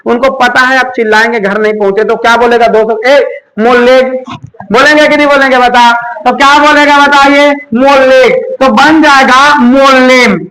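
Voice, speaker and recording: A man teaching a class, loudly quizzing students and having them repeat answers back to him. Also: very high voice, fairly even intonation, brisk, rough recording. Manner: loud, call-and-response questioning. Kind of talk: classroom lecture with memory tricks.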